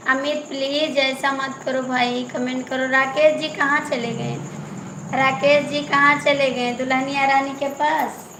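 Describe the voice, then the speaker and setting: A woman's voice: high-pitched, level tone, unhurried, roomy sound, noisy background. A woman hosting a casual live stream, reading out viewer comments and pleading and teasing as she repeats her lines.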